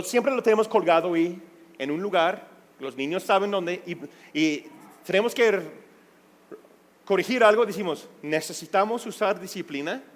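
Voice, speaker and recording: High-voiced preacher in a reverberant hall. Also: male voice. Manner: conversational, constantly checks in with listeners. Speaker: pastor teaching a Bible study. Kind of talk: sermon.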